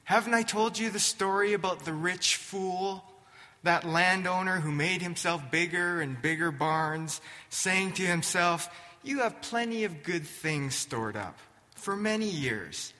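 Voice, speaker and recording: An earnest, compassionate teacher who pleads and warns, as a preacher puts him on. His voice is bright and slightly raised, and his delivery is slow and deliberate. A long hall reverb hangs on every word. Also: sits high, lively intonation, pitched above the performer's own voice, heavily acted. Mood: warning. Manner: earnest, pleading, by turns warning and gentle. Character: compassionate, urgent male teacher of followers.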